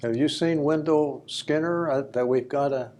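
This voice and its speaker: A man's voice: fairly high pitch, fairly even intonation, normal speed, darkish tone. An older man interviewing someone casually, folksy, asking short questions and repeating answers back.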